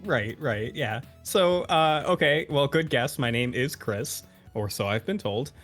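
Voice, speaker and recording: A man's voice: medium pitch, measured pace, faint music behind. A man as a guest on a casual podcast, easygoing and dry. He chuckles now and then as he answers. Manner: relaxed, wry, chuckles between phrases. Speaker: podcast guest, game master.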